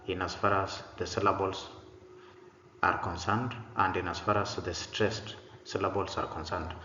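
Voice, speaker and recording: A lower-pitched man presents a pronunciation lesson in a deliberate, repetitive teaching manner, pausing on "uh" as he goes. His voice rings with long reverb in a roomy space. The sound is dull and lo-fi. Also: flat delivery, bright, forceful tone, a little hiss or hum. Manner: deliberate, repeats example sentences, frequent "uh" fillers.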